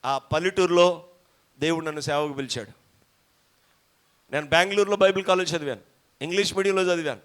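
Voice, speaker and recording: A male pastor from Pradesh, preaching a sermon to a congregation in church. He moves from shouted peaks to quiet asides and keeps calling for praise and hallelujah. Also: on the high side, brisk, long pauses, clear, resonant tone. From coastal Andhra Pradesh, India. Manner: repeated calls for praise and hallelujah. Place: church before a live congregation.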